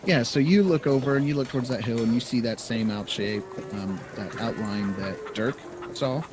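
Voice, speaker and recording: A man's voice: medium pitch, normal speed. A man as dungeon master, improvising the story and explaining rules in a loose, casual way, over a noisy recording. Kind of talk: improvised tabletop game narration. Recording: noisy home podcast recording.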